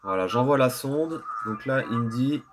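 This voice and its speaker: A man's voice: medium pitch, normal speed, background noise. A man giving casual gameplay commentary, thinking aloud in colloquial language as he plays. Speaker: video game streamer.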